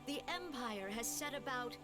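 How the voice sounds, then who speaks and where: A woman voicing a solemn elder leader giving a formal memorial speech in a game cutscene, measured and grand. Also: a little high, expressive, music in the background, natural voice.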